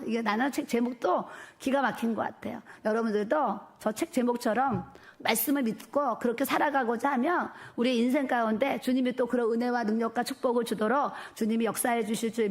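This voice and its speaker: Middle-aged woman pastor, animated and emphatic sermon delivery in a church, slightly high voice. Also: fairly quick. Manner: animated, emphatic preaching with repeated fillers. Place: church sanctuary.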